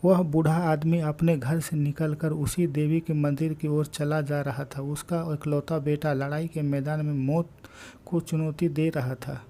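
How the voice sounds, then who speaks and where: A man's voice: on the high side, little pitch movement, measured pace, warm tone. A man narrating a short story, reading along with frequent slips and restarts.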